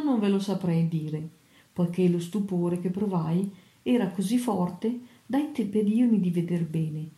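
A woman reads a seafaring tale aloud in a steady, measured way, her voice very dark and mellow. The recording carries a noticeable room echo around her. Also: mid-range voice. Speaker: audiobook narrator. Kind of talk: audiobook reading of an adventure novel.

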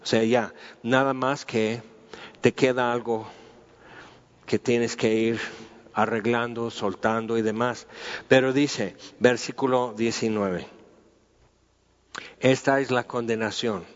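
Slow-talking man teaching the Bible. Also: medium pitch, steady tone. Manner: informal, repeating himself and using many fillers. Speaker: preacher. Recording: dull, lo-fi sound with long hall reverb.

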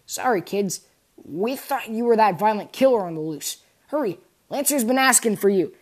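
A woman's voice: medium pitch, animated, normal speed, a little mellow, close to an everyday voice. Woman doing a brusque guard captain. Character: gruff middle-aged guard captain man.

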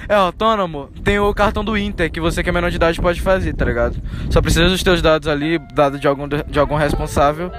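A man's voice: a little high, fairly even intonation, fast, music in the background. A young man hosting a casual, slangy live stream chat outdoors in a public square, joking crudely. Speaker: podcast host.

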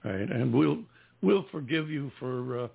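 An older man hosts a casual interview in a gravelly, husky voice with an easygoing, joking manner. His voice comes through a thin, phone-like line at a middle pitch. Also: expressive, measured pace. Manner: easygoing, jokey banter. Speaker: show host.

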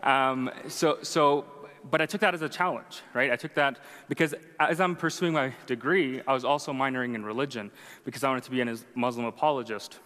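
Speaking briskly in a mid-range, slightly bright voice, a young man who learned Arabic first recounts how he came to faith. A long reverb tail follows his words as he addresses the audience casually, poking fun at himself and often tossing in "right?"

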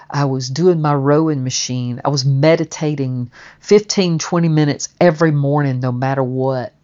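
A woman's voice: very deep voice, darkish tone. A woman telling a personal story in a chatty, rambling way, full of fillers and restarts. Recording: dull, muffled audio.

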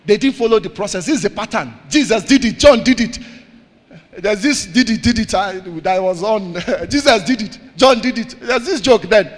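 A man with a high voice delivers a sermon in a church hall, with long reverb trailing each phrase. He calls out questions for the congregation to finish and repeats his key lines, swinging from loud proclamations to quiet asides. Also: lively intonation, moderate pace. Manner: call-and-response preaching, repeats lines, swings between loud and soft. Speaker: pastor.

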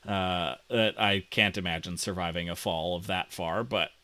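A man co-hosting a casual chat, talking slowly and haltingly with lots of fillers as he reviews a TV episode. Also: sits low, steady tone, bright, forceful tone. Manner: slow, hesitant, many fillers. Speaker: podcast co-host.

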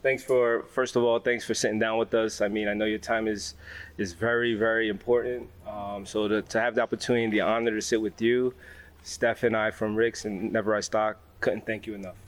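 A man's voice: lowish voice, flat delivery, a little fast. A man, chatting casually as an interview host. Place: large car warehouse.

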